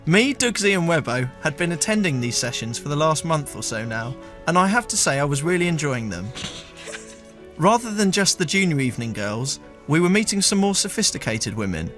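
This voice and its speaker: A man with a fairly high speaking voice tells a comic story from his past in a dry, deadpan way. He sometimes stumbles over his words when the others tease him. Faint music plays under the talk. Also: brisk. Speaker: storyteller host.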